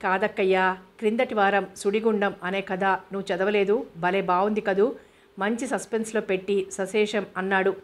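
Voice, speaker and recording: A woman's voice: mid-range voice, fairly even intonation, normal speed, lightly acted. Chatty, naive young sister in a novel reading, voiced by a woman narrator, kept fairly level.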